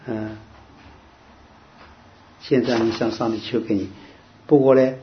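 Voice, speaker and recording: A man leading an informal Bible study, quizzing his listeners and quoting verses in a slow, drawn-out way. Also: mid-range voice, fairly even intonation. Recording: dull lo-fi with faint hiss.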